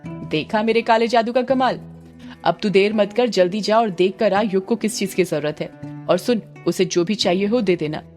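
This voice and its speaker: A woman's voice: medium pitch, normal speed, a little mellow, faint music behind, natural voice. A woman voicing a harsh, scheming middle-aged mother who scolds and orders her daughter about. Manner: scolding, commanding.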